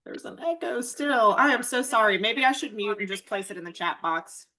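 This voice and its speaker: A woman's voice: a little high, expressive, normal speed, pushed and bright. Woman caller with a doubled echo. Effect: echo from her second device doubling her voice. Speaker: participant on a conference call. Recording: echoey distant call audio.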